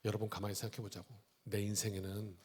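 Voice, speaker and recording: A man's voice: on the low side, fast talker, husky. A male pastor preaching a sermon in a church, acting out the lines of the people in his story with changing voices. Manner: animated, acts out dialogue in shifting voices. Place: church sanctuary.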